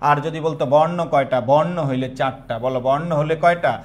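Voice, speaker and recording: A man's voice: on the high side, fairly even intonation, a little fast. A young man teaching an online exam-prep lesson, repeating key terms and quizzing students.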